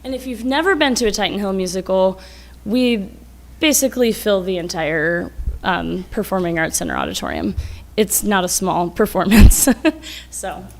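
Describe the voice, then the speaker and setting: A woman's voice: medium pitch, very animated, normal speed, vocal fry. A woman teacher speaks at a school board meeting in a mid-range voice. She is encouraging and draws children out with questions. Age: adult. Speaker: school music teacher presenting students.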